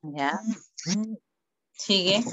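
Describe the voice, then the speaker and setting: A woman's voice: lowish voice, very slow, noisy background. A woman, a teacher giving direct, corrective feedback on student work over a video call. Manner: direct, corrective, gives step-by-step instructions. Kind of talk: online class feedback. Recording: dull lo-fi video call audio.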